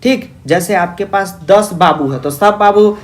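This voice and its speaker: A man's voice: sits high, a little slow. A young man teaching grammar in an online lecture, affectionately calling students "babu" and asking their questions himself.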